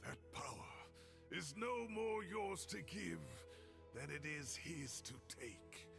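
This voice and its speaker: A man voicing a grave, wise older advisor in a video game, speaking in a measured, earnest way. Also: on the high side, big pitch swings, creaky, exaggerated voice. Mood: grave, pleading. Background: music.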